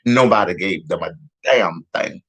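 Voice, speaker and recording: A man giving casual, profane news commentary in a heated, repetitive rant, a little hoarse. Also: deep voice, normal speed, fairly bright tone, poor audio. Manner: profane, heated, repetitive, laughs at own jokes. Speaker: vlogger giving street-style news commentary.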